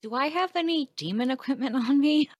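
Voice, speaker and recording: A woman's voice: high voice, brisk, a little mellow, dry recording, muffled recording. A woman chatting casually as a player in a tabletop game, thinking aloud and asking questions in a tentative way.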